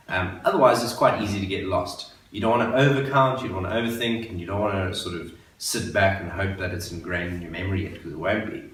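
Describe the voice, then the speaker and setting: A man giving a patient, step-by-step guitar lesson for beginners, counting beats and repeating each step. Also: low-pitched. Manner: patient, explains slowly and repeats steps. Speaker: guitar teacher. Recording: very echoey room, voice a bit far from the mic, guitar playing.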